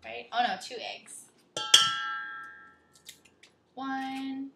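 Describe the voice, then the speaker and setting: A woman's voice: high-pitched, flat delivery, slow pace, over loud music. A woman chatting casually as she hosts a home baking video, rambling in a giggly, tipsy drunk way in a kitchen. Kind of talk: casual chat while cooking. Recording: echoey room with clear background noise.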